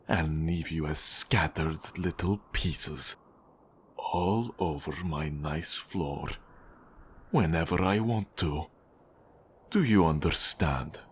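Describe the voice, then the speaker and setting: In an ASMR roleplay monologue addressed to the listener, a male actor plays a cold, menacing Russian mafia boss with a Russian accent. His deep, husky, heavily acted voice is slow, deliberate, controlling and condescending.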